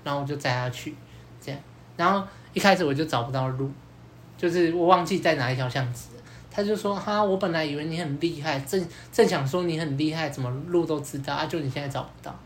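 A man, hosting a podcast and telling a story in a casual, animated way, acting out both sides of the dialogue with many fillers. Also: fairly high pitch, fast talker, slight background noise. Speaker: podcast host.

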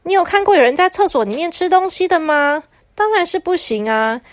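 A woman's voice: very high-pitched, fairly quick, no echo, voice pushed up. A woman voicing chattering talking toilets. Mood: scoffing. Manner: excited, bickering. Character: chatty talking toilets, boastful then sulky.

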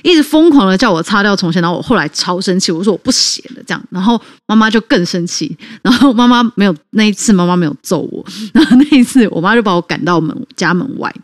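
A woman's voice: mid-range voice, animated, quick pace, hardly any pauses, no room sound, clean studio sound. A woman with a Taiwanese Mandarin accent, co-hosting a podcast and telling a childhood story in a chatty way with many fillers. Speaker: podcast co-host.

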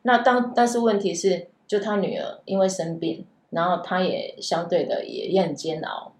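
A woman hosting a casual podcast chat, reflective and asking gentle follow-up questions. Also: lowish voice, moderate pace. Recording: roomy echo, faint background hiss.

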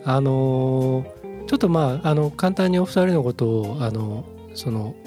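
A man co-hosting a casual podcast, talking in a relaxed, hesitant way with many fillers. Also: medium pitch, unhurried, soft background music. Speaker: podcast co-host.

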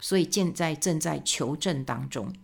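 A woman hosts her own podcast in a casual, rambling monologue. Her voice sits fairly low and has a gravelly, fry-touched texture. She keeps the talk loose and chatty, sprinkling in tag particles and fillers. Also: normal speed. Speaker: podcast host.

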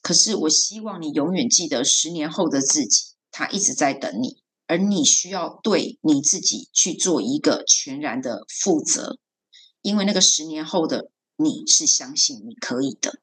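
A woman's voice: sits low, animated, moderate pace, breathy edge. A woman coach, recounting a talk with a student in a podcast conversation and acting out the quoted lines. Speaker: guest coach and homeroom teacher.

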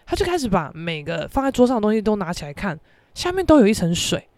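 A woman podcast host, telling a story in a casual, animated, profane way. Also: mid-range voice, fast talker, dry recording. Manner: animated, profane, acts out quoted voices.

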